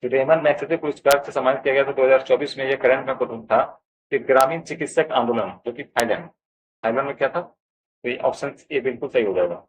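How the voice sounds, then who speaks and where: A man's voice: medium pitch, fast talker, slightly rough, poor audio. Male Hindi tutor walking through exam answers. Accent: Bihari Hindi. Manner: addresses viewers as friends, steady explanatory pace. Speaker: exam coaching teacher. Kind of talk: answer key walkthrough lesson.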